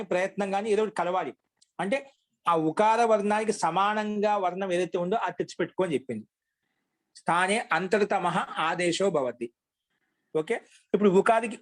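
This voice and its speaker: A man with a high, light voice teaches grammar. He repeats each rule slowly so students can write it down. Then he explains it in brisk, conversational speech. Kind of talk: classroom lesson with slow dictation.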